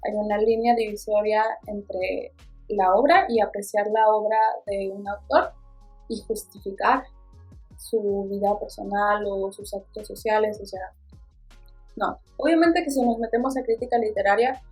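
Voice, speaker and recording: Husky-voiced Mexican woman chatting about books. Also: medium pitch, measured pace, faint music behind. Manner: expressive, playful asides. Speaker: book vlogger. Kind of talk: casual book review chat.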